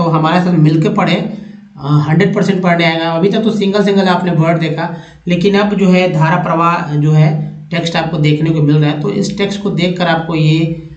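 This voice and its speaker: A man teaching English reading, sounding out words syllable by syllable in a slow phonics lesson. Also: a little high. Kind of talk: Hindi-language phonics lesson. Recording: echoey, dull lo-fi room recording.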